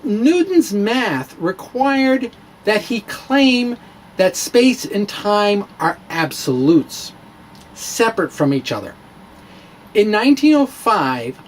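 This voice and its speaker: In a high-sitting voice, a man hosts his own science vlog, mixing dramatic reading with relaxed show-and-tell. His phrasing is theatrical and emphatic, sprinkled with playful asides, and there is slight background noise.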